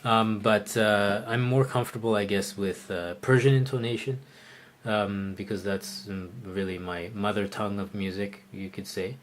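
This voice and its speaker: At normal speed and fairly low in pitch, this oud teacher fields viewer questions in his live online class, casually thinking out loud, often restarting and using fillers. A faint hiss or hum is audible.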